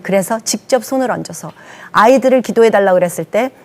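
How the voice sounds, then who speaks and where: A woman's voice: medium pitch, quick pace. A Korean woman pastor in her sixties giving an earnest, emphatic testimony sermon, acting out the lines she quotes.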